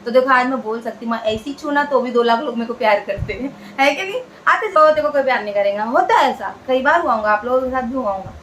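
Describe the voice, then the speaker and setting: A vlogger woman talks straight to her viewers in a fairly high voice. She is earnest and chatty and repeats her phrases to drive them home. A faint hiss sits under the talk. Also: expressive, quick pace, hardly any pauses, rough recording. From India. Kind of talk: casual talk to camera.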